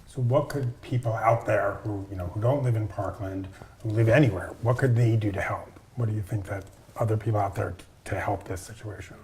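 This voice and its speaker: Chatty male host, low voice. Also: brisk, darkish tone, a little hiss or hum. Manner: chatty, with many ums and uhs. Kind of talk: casual interview.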